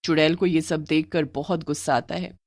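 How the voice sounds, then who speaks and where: A woman narrating a cartoon horror story in a lively, expressive storytelling voice. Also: low voice, moderate pace, dry recording, studio quality.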